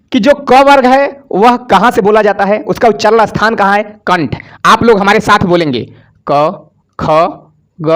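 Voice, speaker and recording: A male teacher giving a grammar lesson for exam preparation, asking questions and answering them himself, and having students repeat sounds after him. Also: sits high.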